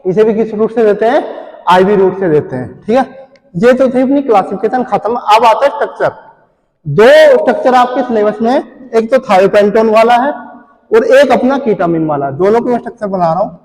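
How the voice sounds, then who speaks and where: High-voiced man quizzing his class. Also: expressive, normal speed, a little mellow, in a large hall, low-quality recording. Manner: repetitive quizzing, asks then answers himself. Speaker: pharmacy teacher. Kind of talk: classroom lecture.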